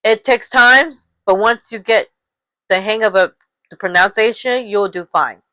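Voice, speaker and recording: A woman's voice: medium pitch, unhurried, bright, forceful tone, dry recording, low-quality recording. A young adult woman teaching English letter sounds, repeating each one patiently and checking in with "okay?". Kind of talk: slow instructional talk on letter sounds.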